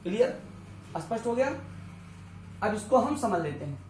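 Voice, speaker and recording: A man teaching a grammar lesson, explaining slowly and repeating each point, often asking if it is clear. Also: high voice, big pitch swings, a little mellow, roomy sound, recorded from a distance, a little hiss or hum, low-quality recording. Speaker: English teacher.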